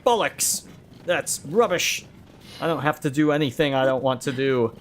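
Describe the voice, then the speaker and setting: A man's voice: a little high, moderate pace, a little hiss or hum, pitched above the performer's own voice, natural voice. A man voicing a stubborn, huffy man who fakes British outrage and exclaims indignantly.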